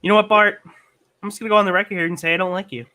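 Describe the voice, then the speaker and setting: A man improvising sketch comedy over a video call, mock-indignant and teasing. His voice is high and bright. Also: fairly even intonation, very fast. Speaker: comedy troupe member.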